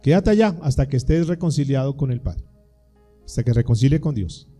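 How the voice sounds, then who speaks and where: A man's voice: mid-range voice, brisk, soft background music, voice pushed down, natural voice. A man voicing a firm father who refuses his son dinner until he truly repents. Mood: stern. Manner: firm, calm. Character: stern but loving father.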